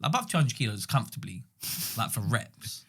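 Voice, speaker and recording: A man co-hosting a casual fitness podcast, telling animated stories and swearing freely. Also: mid-range voice, fairly quick, breathy edge. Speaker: podcast co-host. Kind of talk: casual chat.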